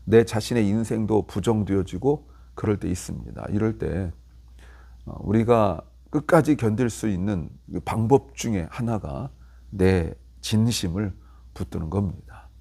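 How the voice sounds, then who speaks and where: A man's voice: fairly low pitch, unhurried, creaky, dark tone, slightly rough. A man preaching an early-morning Bible exposition sermon as pastor, explaining the text and rising in emphasis as he paraphrases.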